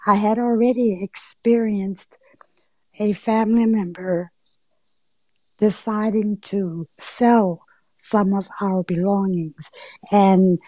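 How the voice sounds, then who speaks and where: On a live audio forum roundtable, a middle-aged panelist with roots in Georgia and New York tells stories at an easy pace, stretching her phrases and adding gentle asides. Her medium-pitched voice is steady, her accent a mild blend of Southern and Northern US, and the recording is low quality but free of echo.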